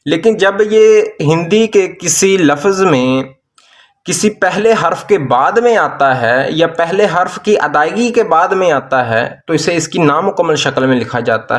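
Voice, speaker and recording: A man teaches at a very unhurried pace, his voice sitting a little higher than most men's. He stretches each sound out as he spells whole words piece by piece, like a patient tutor at a desk. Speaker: language teacher. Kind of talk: slow explanatory lesson.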